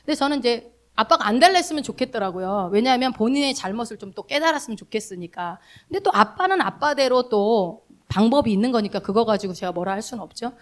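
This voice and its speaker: A woman's voice: fairly high pitch, lively intonation, quick pace, hardly any pauses. A middle-aged woman pastor preaching a sermon in a conversational style, telling personal stories and asking emphatic rhetorical questions.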